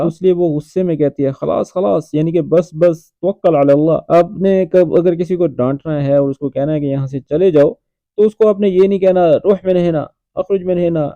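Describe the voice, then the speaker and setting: A man teaching spoken phrases from dramas, slowly repeating each line and explaining its meaning. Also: a little high, vocal fry, warm tone, dry recording. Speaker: language teacher. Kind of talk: explaining drama lines to learners. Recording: muffled lo-fi voice-over.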